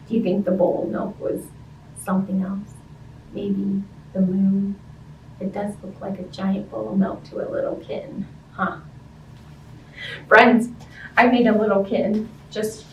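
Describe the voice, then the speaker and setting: A woman with a medium-pitched voice leads story time, animatedly reading a picture book and chatting with young children in simple terms, asking them questions along the way. The audio itself is dull, and the room sounds spacious and distant with faint noise behind her.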